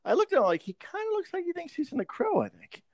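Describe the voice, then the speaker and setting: High, animated male podcast co-host, casual and profane, recorded dry. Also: quick pace, no room sound. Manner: joking, swearing, slips into a mock British accent. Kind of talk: casual chat.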